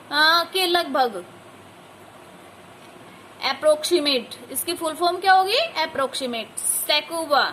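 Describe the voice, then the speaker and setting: A woman teacher explaining an English grammar exercise, reading English slowly and explaining quickly. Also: extremely high pitch, bright, forceful tone, slight background noise, low-quality recording. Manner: addresses students as beta.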